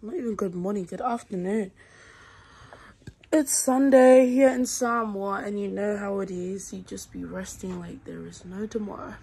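A young adult woman chatting informally to a vlog audience in a drowsy, low-key way, on a handheld phone. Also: steady tone, normal speed, creaky, mellow, husky. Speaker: vlogger. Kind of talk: casual vlog chat. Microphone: phone at arm's length. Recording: noisy handheld phone recording, ambient sounds.

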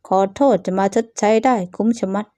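A woman's voice: brisk, warm tone, lightly acted. A woman voicing a weak-willed young man who talks evasively and half-apologetically. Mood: dismissive.

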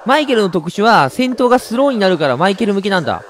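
A man giving chatty, excitable let's-play commentary while playing a video game, laughing often. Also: high voice, fast. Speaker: game streamer.

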